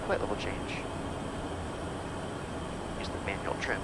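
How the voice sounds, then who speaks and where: A man flying as pilot, speaking through a cockpit headset mic and giving brisk procedural checklist callouts and radio calls. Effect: pilot talking over a cockpit headset mic. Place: small jet cockpit in flight. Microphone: aviation headset. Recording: loud engine noise in cockpit.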